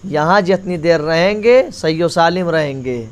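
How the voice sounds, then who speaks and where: High-voiced man preaching a majlis sermon. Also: clean tone. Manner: repeats key lines and keeps calling the audience to attention; rises in pitch and force as the sermon builds. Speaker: maulana giving a majlis address.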